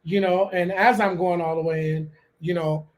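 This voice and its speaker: A man co-hosting a casual chat, relaxed and reflective, with many "you know" fillers. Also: high voice, moderate pace. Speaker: podcast co-host.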